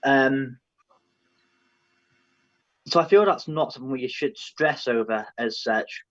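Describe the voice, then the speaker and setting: A young man on an online discussion panel thinks out loud tentatively, often opening with "I feel." His voice is medium-pitched and fairly bright, and he speaks slowly. The audio is dull and lo-fi.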